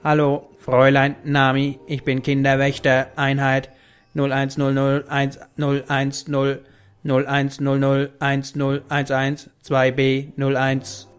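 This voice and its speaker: A man voicing a calm, protective guardian robot from a video game, formal, measured and mechanical in delivery. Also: medium pitch, clean tone, lightly acted. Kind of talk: acted video game dialogue read aloud.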